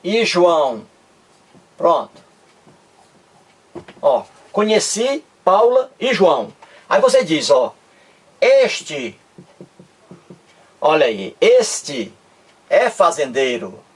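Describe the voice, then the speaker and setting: Man, grammar teacher, high husky voice, animated, slows down on examples. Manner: repeats "ó" and "olha aí" constantly, slows down to stress example phrases. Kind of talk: casual whiteboard lesson to online viewers.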